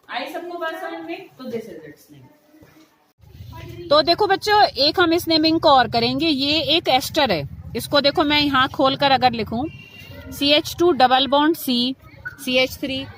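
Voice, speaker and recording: High-voiced woman teaching chemistry. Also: fairly bright tone, a little hiss or hum. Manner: addresses students affectionately, asks and answers her own questions. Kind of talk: classroom lecture.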